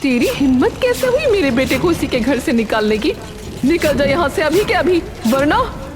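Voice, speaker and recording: Woman doing a furious cartoon ghost mother, high and lively, faint music under. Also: normal speed, close to an everyday voice. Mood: angry scolding. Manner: scolding, commanding. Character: stern ghostly mother, angry at cruel son. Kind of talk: animated story voice acting.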